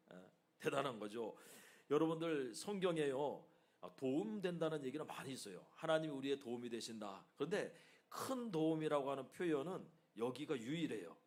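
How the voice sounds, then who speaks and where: A middle-aged man preaching a sermon as pastor of his church. He speaks with animated emphasis and often tosses in rhetorical asides to the congregation. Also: fairly high pitch. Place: church sanctuary.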